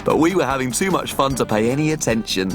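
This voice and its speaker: A man's voice: mid-range voice, lively intonation, quick pace, music in the background, lightly acted. A man playing a tiny, cheerful, eager little cook in a children's show, with an exaggerated, enthusiastic sing-song delivery. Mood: storytelling. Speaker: children's TV presenter. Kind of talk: playful children's show presenting and storytelling.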